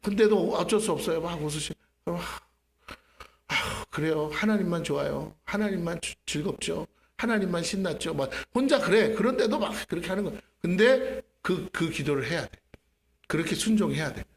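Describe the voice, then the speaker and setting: A man, the senior pastor, preaching a lively sermon in a church, acting out his prayers and questioning the congregation. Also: fairly high pitch, normal speed. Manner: animated, acts out his own prayers and asks the congregation questions. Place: church sanctuary.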